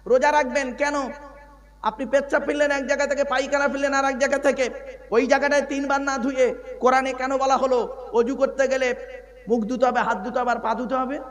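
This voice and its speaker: High-voiced preacher in echoing hall. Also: male voice. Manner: animated, questions the crowd, chants drawn-out phrases. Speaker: Islamic preacher. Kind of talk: sermon. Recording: long hall reverb.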